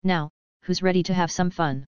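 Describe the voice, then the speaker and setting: A big, boisterous male mercenary, as a woman narrator puts him on, full of jokey, overfamiliar charm with menace underneath. The voice is low and smooth. The recording is dry and close, with a slightly dull tone. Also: steady tone, moderate pace, no echo, lightly acted. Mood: breezy menace.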